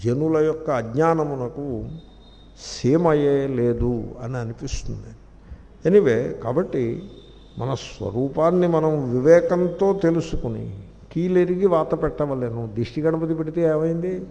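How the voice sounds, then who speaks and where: A man giving a scripture discourse as a spiritual teacher, acting out dialogue in quick anecdotes, in an echoey hall recording of poor quality. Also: fairly high pitch, creaky, mellow, lo-fi sound.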